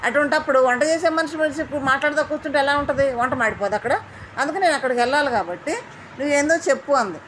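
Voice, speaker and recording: A woman recapping a reality show in an indignant, animated commentary, mimicking the housemates she quotes. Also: high voice, fast talker, a little hiss or hum.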